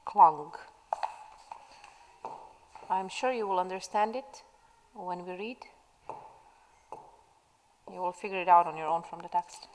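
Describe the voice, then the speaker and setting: A woman teacher giving a vocabulary lesson, saying each word slowly and clearly. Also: fairly low pitch, a little mellow, big-room sound, a little hiss or hum, low-quality recording. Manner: slow, clear word-by-word dictation.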